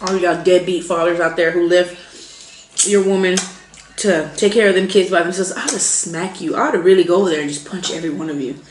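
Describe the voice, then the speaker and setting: Young woman vlogger, animated exasperated storyteller, roomy echo, faint background noise. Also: lowish voice, a little fast. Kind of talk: casual storytelling while eating. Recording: echoey room with faint noise.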